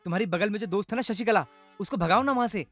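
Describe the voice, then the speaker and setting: A man's voice: high-pitched, racing, a bit bright, soft background music. A man dubbing a film as a bashful, lovestruck young hero who stammers when flustered. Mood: eager.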